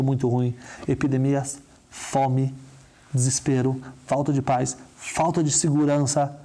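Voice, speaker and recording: A man's voice: on the high side, mellow. A man teaching through a moving religious story, emphatic and fond of repeating words for effect.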